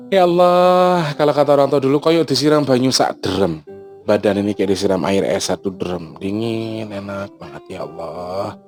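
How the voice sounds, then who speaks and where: Animated man telling a story. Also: lowish voice, unhurried, faint music behind. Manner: animated, mixes in Javanese, frequent exclamations. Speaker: channel host. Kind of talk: casual storytelling vlog.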